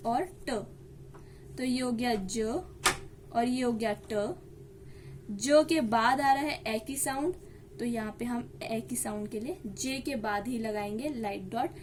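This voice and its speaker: High-voiced woman teaching shorthand. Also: slight background noise. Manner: asks the class questions and answers them herself; mixes English terms into her Hindi. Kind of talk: explaining a lesson step by step.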